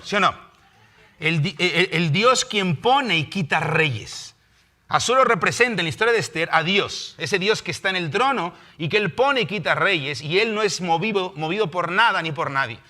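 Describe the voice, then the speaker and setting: A man with a Mexican Spanish accent preaching a sermon in a house of prayer, animated, acting out biblical figures in quick voices. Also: on the high side.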